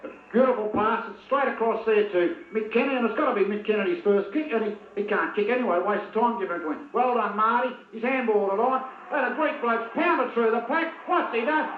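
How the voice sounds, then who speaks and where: Blunt, partisan football caller with a high voice, recorded in an echoey space. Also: male voice, fast talker, faint music behind. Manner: blunt, opinionated, heckles players by name. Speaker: football commentator. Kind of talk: partisan amateur match commentary. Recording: tinny lo-fi old video with echo.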